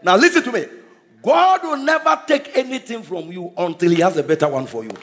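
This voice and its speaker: A male preacher delivering an emphatic sermon, often shouting and repeating his points. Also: high voice, lively intonation, fairly quick.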